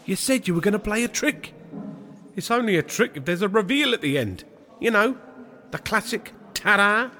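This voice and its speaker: Matey medieval peasant swineherd, echoey hall. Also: male voice, high voice, lively intonation, moderate pace, bright, forceful tone. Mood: indignant. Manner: colloquial, blokey medieval peasant. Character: matey peasant swineherd, self-styled Lord of Misrule.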